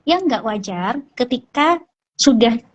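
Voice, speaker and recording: A woman speech therapist calmly explaining child speech development on a hospital talk show, with frequent fillers. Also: on the high side, measured pace.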